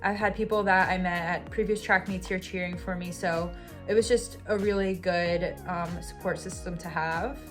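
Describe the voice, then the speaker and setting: A woman's voice: lowish voice, steady tone, normal speed, soft background music. A woman in her twenties talking candidly over her vlog, reviewing a race she is disappointed with. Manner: candid, self-critical, conversational. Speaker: vlogger and runner.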